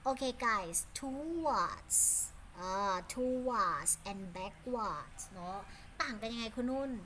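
A woman with a Thai accent teaching English to children online, giving warm praise and speaking her English slowly. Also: on the high side, lively intonation, slight background noise. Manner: warm praising, switches between Thai and English, slow deliberate English.

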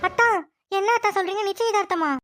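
A woman's voice: extremely high pitch, fast, fairly bright tone, soft background music, voice pushed up. A woman voicing a tearful, lovesick young snake-woman in a cartoon, pleading and plaintive.

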